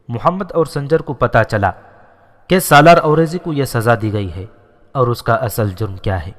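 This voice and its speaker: A man's voice: mid-range voice, long reverb tail. Man narrating a historical tale. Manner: reads all characters' lines in his own voice. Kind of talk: scripted narration of a historical story.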